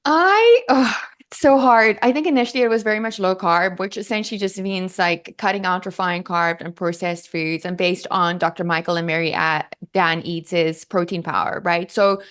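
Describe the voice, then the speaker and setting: A woman's voice: fairly low pitch, steady tone, moderate pace, few pauses, fairly bright tone, clear, resonant tone. A woman guest in an interview, talking in a bubbly, earnest way with lots of fillers. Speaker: guest, health advocate. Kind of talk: casual interview.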